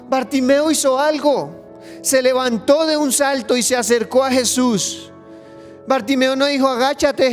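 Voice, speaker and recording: A male pastor preaching an online church sermon emphatically and dramatizing the Bible passages he reads. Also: sits high.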